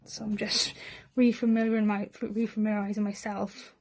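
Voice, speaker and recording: A woman's voice: mid-range voice, little pitch movement, moderate pace, a little mellow. A woman poet with a Rhondda accent from the South Wales Valleys, reading poems and chatting between them in an understated, self-deprecating way. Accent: Welsh Valleys (Rhondda). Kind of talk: poetry reading with informal asides.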